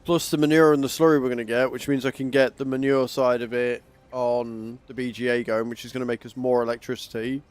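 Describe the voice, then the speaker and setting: A man's voice: mid-range voice, little pitch movement, fairly quick, few pauses, clean tone. Coughing man chatting through a game stream. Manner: chatty, thinks aloud about plans. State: coughing, throat irritated. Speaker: livestream gaming host. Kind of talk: casual gameplay commentary.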